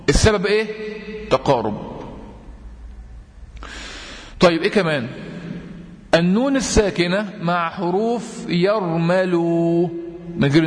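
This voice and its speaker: A man with an Egyptian accent teaching tajweed, quizzing his students with repeated questions and chanting verse examples slowly. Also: on the high side. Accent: Egyptian Arabic. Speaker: Quran recitation teacher. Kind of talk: tajweed lesson. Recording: long reverb.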